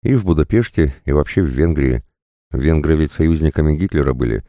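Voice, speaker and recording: A man's voice: rumbling low, fairly quick, dark tone, dry recording, clean studio sound. A man reading an audiobook voices a serious, dignified young woman in her twenties who serves as a junior state security officer. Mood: earnest. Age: young adult. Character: earnest proud young woman, Soviet officer.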